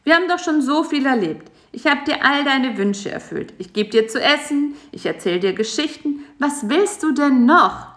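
A woman's voice: high-pitched, lively intonation, normal speed, few pauses, fairly bright tone, pitched above the performer's own voice. A grumpy homebody spider, grumbling and snapping at his pesky guest, as a woman acts him out. The voice sits somewhat raised and firm. It sounds echoey, like a reading in a bare room. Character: grumpy lazy male spider, stay-at-home. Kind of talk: storybook voice acting.

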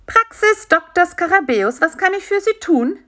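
A woman's voice: very high-pitched, lively intonation, normal speed, fairly bright tone, pitched above the performer's own voice. A woman voicing a plump, grumpy male beetle doctor who talks in a curt, dismissive way.

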